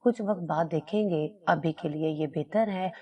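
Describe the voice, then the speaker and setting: A woman's voice: lowish voice, highs cut off, lightly acted. A woman voicing an anxious mother guarding a secret, in an urgent, pleading way. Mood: worried. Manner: pleading, then stern.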